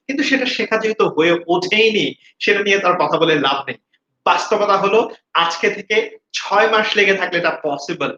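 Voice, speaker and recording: A man's voice: on the high side, pushed and bright. A man teaching English pronunciation in a video lesson. He speaks energetically and repeats each word so students can say it after him. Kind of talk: classroom-style video lesson, mixing Bengali and English. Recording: roomy, dull recording with faint hiss.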